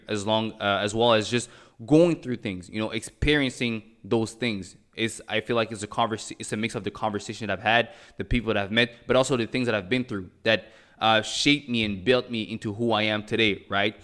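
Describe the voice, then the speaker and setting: A man from Cameroon, raised in Montreal, hosting a motivational podcast in an energetic style and repeating phrases for emphasis. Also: lowish voice. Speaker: podcast host.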